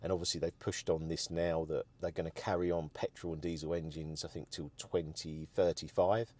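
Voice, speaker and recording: A man's voice: low-pitched, little pitch movement, moderate pace, darkish tone. A man vlogging his frank opinions in a chatty, rambling way, with many ums. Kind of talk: casual opinion chat to camera.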